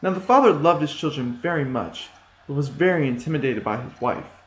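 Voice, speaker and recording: A man's voice: on the high side, lively intonation, a little fast. Man telling a story in an echoey room. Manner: plain, somewhat hesitant. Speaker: storytelling student.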